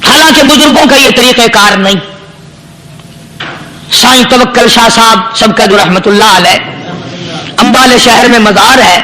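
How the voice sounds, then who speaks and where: A man's voice: very high-pitched, long pauses, bright, forceful tone, reverberant, poor audio. A man preaching a sermon, telling a story with rising, emphatic repetition.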